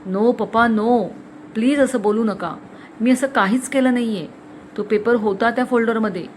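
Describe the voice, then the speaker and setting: Young woman, frightened, tearful, pleading, pitched up; woman narrator plays her. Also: expressive, normal speed, slight background noise, natural voice.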